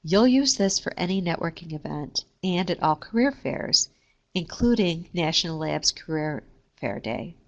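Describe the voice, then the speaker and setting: A woman reading a scripted careers lesson in a steady, measured way. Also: on the low side, dull audio. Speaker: career services presenter. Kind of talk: scripted instructional narration.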